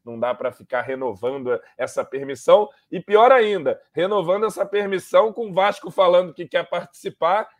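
A man with a Brazilian Portuguese accent and a fairly high voice chats about sports. His delivery is slangy and conversational, and the sound is dry and close. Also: a little fast, few pauses, no room sound. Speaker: football podcast commentator. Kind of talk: casual sports discussion.

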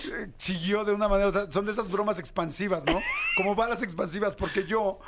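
High-voiced chatty Mexican man. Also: fairly quick, noisy background. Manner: chatty, repeats himself, restarts phrases. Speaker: guest. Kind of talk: casual chat.

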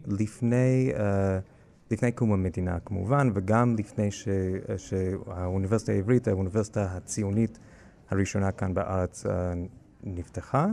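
A man with a lowish, mellow voice and a strong American English accent in Hebrew. He speaks as an interviewed curator, explaining haltingly, with restarts and a gravelly creak. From United States. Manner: halting, with frequent hesitations and restarts. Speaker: guest curator of a library collection.

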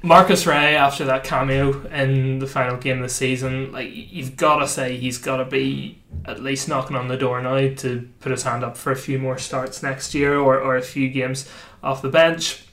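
A man's voice: mid-range voice, little pitch movement, moderate pace, few pauses, fairly bright tone. A man co-hosting a podcast, teasing the guest and then giving loose, rambling opinions. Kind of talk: casual chat and analysis. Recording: echoey room.

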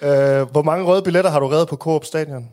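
A man's voice: a little high, darkish tone. Podcast host guy, reads out cheeky listener questions, laid back. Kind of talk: casual chat.

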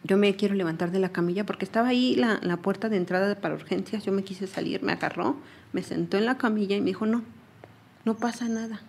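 A woman's voice: mid-range voice, fast talker, creaky, darkish tone, slight background noise. A young woman with a Mexican accent giving personal testimony in an interview, earnestly retelling events and often repeating herself.

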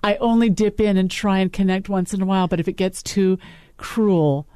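A middle-aged woman hosting a radio panel, chatting in a playful, expressive way. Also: medium pitch, moderate pace, clean tone, no room sound, clean studio sound. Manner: warm, playful, expressive storyteller. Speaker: radio host. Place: radio studio. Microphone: studio mic.

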